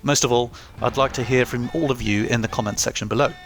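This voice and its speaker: A man's voice: mid-range voice, fairly even intonation, quick pace, soft background music. A young man reading a scripted game review with dry, self-mocking humour. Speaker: gaming YouTuber.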